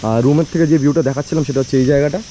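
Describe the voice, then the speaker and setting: A man's voice: on the high side, steady tone, rapid-fire, mellow. A man with a Bengali accent narrating a casual travel vlog, chatty and repeating phrases for emphasis. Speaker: travel vlogger. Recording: clear background noise, echo in big hall.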